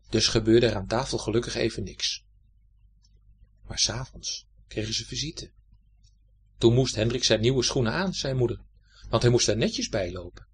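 A man reading a children's story aloud in an expressive, lilting storytelling manner. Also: mid-range voice, slightly rough.

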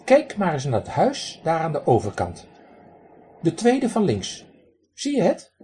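A man's voice: fairly high pitch, wildly swooping pitch, unhurried, mellow, breathy edge, pitched above the performer's own voice, exaggerated voice. A man doing a raw-quacking scolding male duck. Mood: explaining. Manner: reproachful, sarcastic. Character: stern sharp-tongued male duck, scolding. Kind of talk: storybook reading.

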